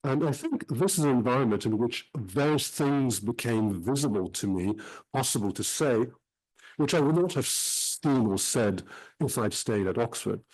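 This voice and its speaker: A middle-aged man speaks at a middle pitch, giving an academic talk. He weighs his words, filling the gaps with frequent ums. His delivery is careful and reflective. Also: lively intonation, a little mellow, poor audio. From Switzerland. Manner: measured, frequent um pauses. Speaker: historian giving a talk about his book.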